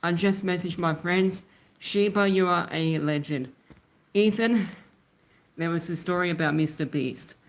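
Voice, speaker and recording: Gravelly Australian man live-streaming. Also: sits high, measured pace. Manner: chatty, keeps thanking viewers by name. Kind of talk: casual livestream chat. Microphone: phone.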